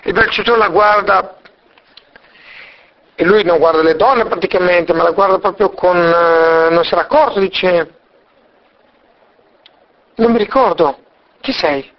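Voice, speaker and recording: High-voiced man telling a religious tale. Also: normal speed, dull audio. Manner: animated storyteller acting out voices. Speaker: religious teacher. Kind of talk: storytelling lesson.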